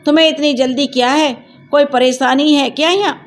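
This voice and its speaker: A woman's voice: sits high, fairly even intonation, normal speed, pitched above the performer's own voice, close to an everyday voice. A woman voicing a brusque young village man who scolds but cares. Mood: gruff.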